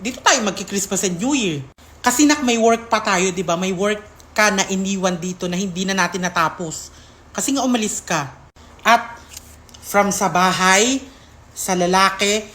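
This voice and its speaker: A woman's voice: mid-range voice, fairly bright tone. Woman with a shaking, pleading voice. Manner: pleading, addressing someone directly and tenderly. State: voice shaking with emotion. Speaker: content creator. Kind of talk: emotional vlog statement.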